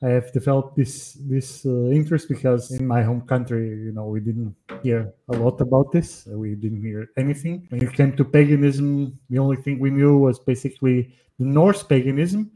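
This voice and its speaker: A man from Portugal, a podcast guest, talking casually and hesitantly with many pauses and fillers. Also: mid-range voice, dark tone. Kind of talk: casual conversational explanation. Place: home setup on a call, northern Poland.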